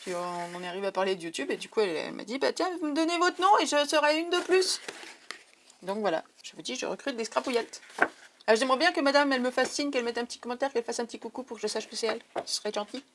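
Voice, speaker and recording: A woman's voice: on the high side, racing, noisy background. A woman with a French accent, chatting casually to her viewers in a craft haul video, digressing often. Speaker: craft vlogger.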